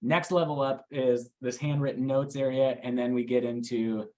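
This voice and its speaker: Brief: male sales coach, mid-pitch, animated storyteller, keeps asking the room questions. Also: moderate pace. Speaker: real estate team coach. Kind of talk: training talk to a small team.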